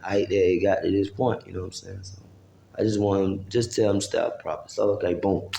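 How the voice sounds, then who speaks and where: Speaking a little fast in a low, creaky, mellow voice with fairly even intonation, a vlogger casually spins a long, profane story to camera and acts out others' words in rambling street talk. The sound is reverberant with slight background noise.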